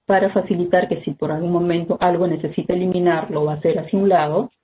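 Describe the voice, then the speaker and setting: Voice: mid-range voice, fairly even intonation. Health instructor over tinny call audio. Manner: measured, explanatory, frequent "¿no?" tags and "este" fillers. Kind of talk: online first-aid training talk. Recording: tinny phone-like video call audio with faint noise.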